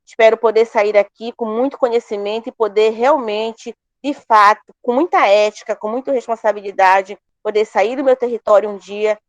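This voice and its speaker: A woman's voice: a little high, fairly even intonation, normal speed, hardly any pauses, dry recording, dull audio. A woman from Pará, a family farmer introducing herself in an online class, speaking earnestly and hopefully and often repeating words. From Pará, Brazil. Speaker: course participant, family farmer.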